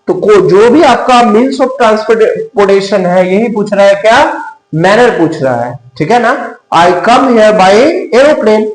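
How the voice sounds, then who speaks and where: A male teacher with an Indian English accent walks through grammar slowly, word by word, mixing Hindi and English. His voice sits high, and each example sentence gets repeated. The sound carries an echo from the room. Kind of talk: slow classroom explanation.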